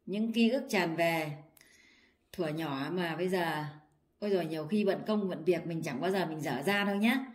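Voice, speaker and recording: A woman's voice: on the low side, normal speed. A woman, reading her old poems aloud in a casual vlog and often breaking into laughter. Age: 60s. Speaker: vlogger.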